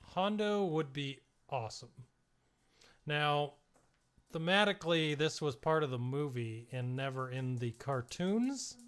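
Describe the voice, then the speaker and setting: A man co-hosting a podcast, talking casually and easily with frequent chuckles. His voice is smooth and clear. He sounds relaxed and conversational. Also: on the high side, unhurried. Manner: chatty, chuckles often, reacts to chat. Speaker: podcast co-host. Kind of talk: casual chat.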